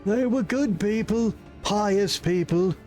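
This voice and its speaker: A man's voice: high voice, slow, a little mellow, soft background music, pitched above the performer's own voice. A man voicing a pious, vengeful confessor from a video game in a solemn, declamatory way. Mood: grieving. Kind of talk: video game role-play read aloud.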